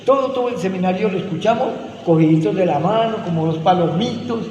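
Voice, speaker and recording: Middle-aged man, earnest testimony, slightly high voice, reverberant hall, faint noise. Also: brisk, darkish tone, lo-fi sound. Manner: earnest, emotional storytelling with quoted dialogue. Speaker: testimony speaker at a rehab ministry. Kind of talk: personal testimony.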